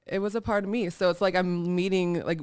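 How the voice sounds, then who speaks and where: A woman's voice: lowish voice, steady tone, fairly quick, darkish tone, clear, resonant tone, no echo, studio quality. A woman in her thirties hosting a podcast, chatting in a bubbly, giggly way with lots of filler words and casual swearing. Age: 30s. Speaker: podcast host.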